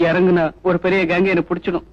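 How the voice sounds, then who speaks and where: An actor playing a cocky young stage singer who fights, speaking with cool, teasing confidence in a film. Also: male voice, high-pitched, little pitch movement, quick pace, lightly acted. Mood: sly. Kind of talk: 1990s film acting. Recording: dull film soundtrack with faint noise.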